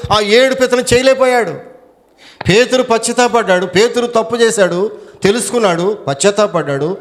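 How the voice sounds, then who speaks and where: A man with a Telugu accent preaches to his congregation in a fairly high voice. He repeats phrases, asks questions and answers them himself, and climbs higher and louder on key lines. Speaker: pastor. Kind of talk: sermon.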